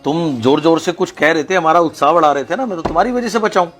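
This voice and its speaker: A man's voice: a little high, fast, fairly bright tone, soft background music, pitched above the performer's own voice. A man doing a cheerful deaf frog. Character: stubborn hard-of-hearing male frog, cheerful.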